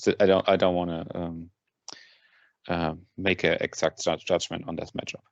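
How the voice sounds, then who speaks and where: A man's voice: deep voice, flat delivery, moderate pace, no echo, highs cut off. A man from Germany with a German accent, a tabletop wargame player chatting casually as an interview guest, hesitant with many fillers and restarts.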